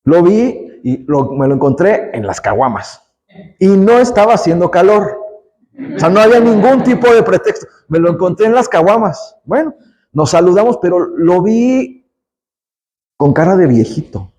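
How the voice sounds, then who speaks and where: High-voiced pastor preaching. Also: male voice, sing-song, normal speed, rough recording. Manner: emphatic preaching, rising loud on key lines; conversational asides to the congregation. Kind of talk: sermon.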